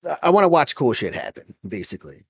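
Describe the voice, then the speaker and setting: A man's voice: mid-range voice, sing-song, fast talker, a bit bright, slightly rough, dry recording, clean studio sound. A young man chatting casually as an enthusiastic fan, emphatic and swearing heavily. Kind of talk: casual group chat about anime and games.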